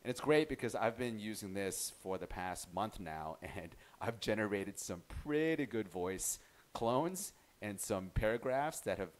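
A man with a fairly low voice walks viewers through a software tutorial. He is chatty and relaxed, often trailing off and restarting his sentences. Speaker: tutorial host. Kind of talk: casual screen-recorded software tutorial.

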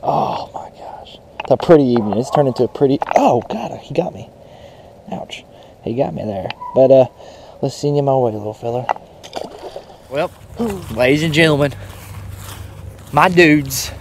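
Excitable young man fishing outdoors. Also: medium pitch, normal speed, pauses often. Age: young adult. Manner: excitable, shouts with joy over big catches. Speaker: fishing vlogger. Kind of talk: casual vlog narration while fishing. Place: outdoors by a rural pond. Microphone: chest-mounted action camera. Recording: faint outdoor noise, action camera.

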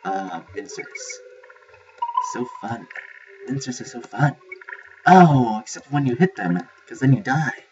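A man giving casual let's play commentary, chatty and self-mocking, reacting loudly to what happens in the game. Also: medium pitch, lively intonation, slow pace, pauses often, background noise. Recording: lo-fi capture with game music.

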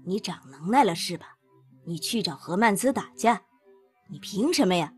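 A woman's voice: medium pitch, lively intonation, moderate pace, breathy edge, soft background music, voice pushed down. A woman voicing an angry young man who coldly breaks up with his girlfriend, speaking harshly and with clipped force. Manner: harsh, clipped, then bitterly pleading.

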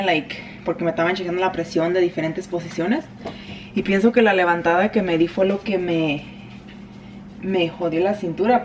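A woman's voice: mid-range voice, darkish tone, slight background noise. Vlogger lady just chatting while she cooks, switches to a lot, pans clanking in the background. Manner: chatty, mixes English fillers into Spanish. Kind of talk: casual vlog chat. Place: home kitchen.

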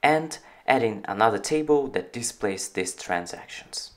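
A man speaks a little slowly in a fairly low voice, narrating a screen-recorded software tutorial. He's the founder presenting his company's product, and he explains things steadily as he goes.

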